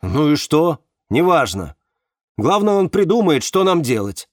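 A man's voice: fairly high pitch, sing-song, measured pace, no echo, studio quality, voice pushed up. A man reading an audiobook, voicing a firm man who argues back. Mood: insistent. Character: firm man defending a friend.

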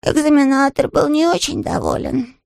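A man's voice: very high-pitched, normal speed, creaky, no room sound, studio quality, voice pushed up. A man voicing a naive, polite young male bear in an audiobook, earnest and innocent in manner. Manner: earnest, innocent, matter-of-fact. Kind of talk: audiobook character voice.

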